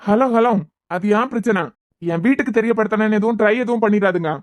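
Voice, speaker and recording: A woman's voice: mid-range voice, fast talker, no room sound, clean studio sound, close to an everyday voice. A woman voicing a sarcastic, teasing young man. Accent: Kanyakumari Tamil. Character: cheeky young man, teasing injured patient.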